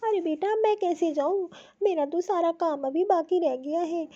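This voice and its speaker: A woman's voice: very high-pitched, moderate pace, dark tone, muffled recording. Woman voicing a scolding old mother-in-law. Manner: scolding, complaining. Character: fussy older mother-in-law, busy, scolding.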